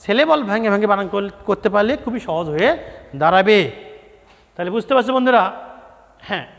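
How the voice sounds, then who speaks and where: A high-voiced man teaches young children in a classroom, repeating key terms and spelling words out letter by letter. His voice carries a long reverb from the room around him. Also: vocal fry, a bit bright. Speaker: primary school science teacher.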